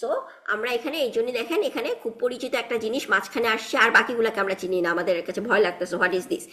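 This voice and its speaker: A woman's voice: a little high, fast, a bit bright. A woman teaching an Arabic grammar class online, explaining step by step, asking students questions and mixing in English words. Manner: mixes English words into her talk; frequent tag questions and fillers.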